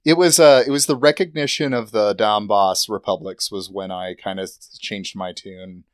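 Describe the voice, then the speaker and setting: A man's voice: on the low side, fairly even intonation, moderate pace, smooth, no room sound, clean studio sound. A man hosting a casual political podcast, speaking hesitantly with many fillers. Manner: hesitant, filler-heavy, laughs easily. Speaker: podcast host.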